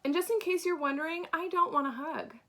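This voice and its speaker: A woman voicing a grumpy male cactus in a storybook, curt, bristling and yelling. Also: very high voice, steady tone, brisk, voice pushed up. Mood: defensive, prickly. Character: grumpy, prickly male cactus guarding his solitude.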